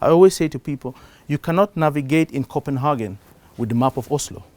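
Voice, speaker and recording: A middle-aged man from Cameroon giving a live talk to a conference audience. He gets louder to stress his points, then drops down again. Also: on the high side, fast, dry recording. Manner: animated, shifts loudness for emphasis. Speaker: conference speaker. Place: conference stage before an audience.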